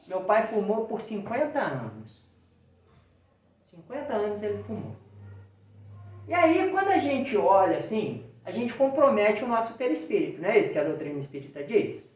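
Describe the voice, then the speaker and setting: A woman's voice: mid-range voice, very animated, moderate pace, a little mellow, roomy sound, distant mic. A woman with a Brazilian accent giving a spiritist sermon, putting rhetorical questions to her audience. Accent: Brazilian Portuguese. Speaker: spiritist lecturer. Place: spiritist center hall.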